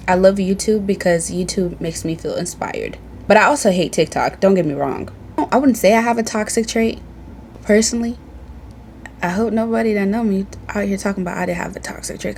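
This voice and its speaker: A woman's voice: medium pitch, a little mellow. A young woman from Tanzania chatting casually to camera in a get-to-know-me video, bold, playful and sassy. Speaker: beauty vlogger. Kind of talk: casual sit-down chat to camera. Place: indoors at home, reading from a tablet.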